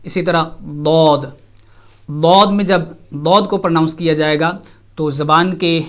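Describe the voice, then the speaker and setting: A man with a slightly high voice gives a televised recitation lesson. He talks slowly and carefully and repeats each letter sound so learners can copy it. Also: fairly even intonation, fairly bright tone. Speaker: Quran recitation teacher.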